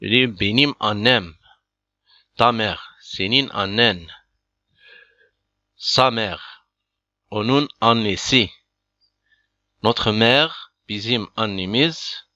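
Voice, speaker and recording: A man's voice: on the low side, pushed and bright, dry recording. A man teaching a beginner language lesson, patiently working through example after example. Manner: patient, methodical, repeats examples. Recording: dull lo-fi dry recording.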